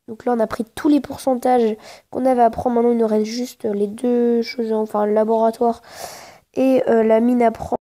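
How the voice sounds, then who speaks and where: A woman's voice: fairly high pitch, level tone, moderate pace, mellow. A woman giving casual gameplay commentary in informal, slangy speech, often grumbling in frustration and repeating phrases as she thinks aloud. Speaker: gaming video creator.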